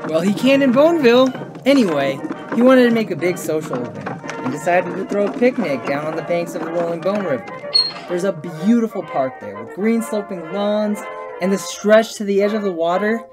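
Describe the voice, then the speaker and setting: In a fan comic dub, a woman voices a sincere, kindly little male creature who talks like a chatty storyteller. Her delivery is lowish, animated, and close to everyday speech at a moderate pace, over music in a low-quality recording.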